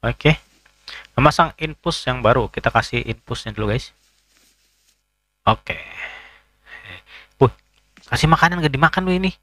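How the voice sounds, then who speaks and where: A man's voice: mid-range voice, animated, moderate pace, long pauses, fairly bright tone, no room sound. A man casually commentating his way through a horror game, chatting to viewers, joking and getting startled. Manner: chatty, keeps addressing viewers, jokey and easily startled. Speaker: gaming YouTuber. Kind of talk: casual let's-play commentary.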